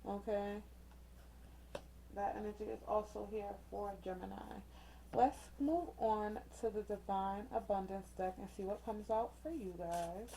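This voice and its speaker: A woman's voice: mid-range voice, a little slow, gravelly, mellow, a little hiss or hum, poor audio. Chatty woman reading oracle cards. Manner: chatty and encouraging, uses slang and mild cussing substitutes; talks straight to the viewer, checking in with "okay?". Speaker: tarot reader. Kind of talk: casual oracle card reading. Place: indoors with a ring light.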